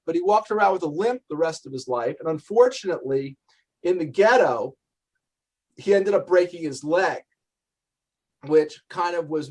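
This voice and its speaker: A man's voice: fairly high pitch, a little mellow, rough recording. A man speaking informally and reflectively on a video call, answering questions and recounting family history.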